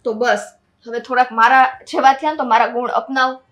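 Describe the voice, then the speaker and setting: Woman as a lazy young daughter-in-law, cheeky, mocking, bright high voice, family drama. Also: brisk, natural voice. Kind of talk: Gujarati family stage drama.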